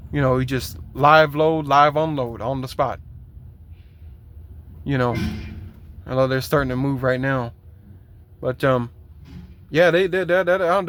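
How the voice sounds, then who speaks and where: A truck driver vents in a loose, rambling vlog rant, heavily profane and aggravated, full of fillers and repeats. His medium-pitched voice is steady and a bit bright, a little slow, and he pauses often.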